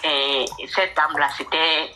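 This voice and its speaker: A woman caller telling her personal story to a coach, halting and often repeating words. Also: deep voice, flat delivery, bright, forceful tone, a little hiss or hum.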